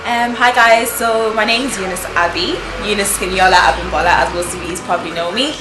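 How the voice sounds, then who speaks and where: A woman's voice: mid-range voice, fast talker, reverberant, music in the background, poor audio. A nineteen-year-old woman from Nigeria, a fashion blogger answering interview questions casually, with lots of "um" and "you know". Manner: chatty, many fillers like "um" and "you know".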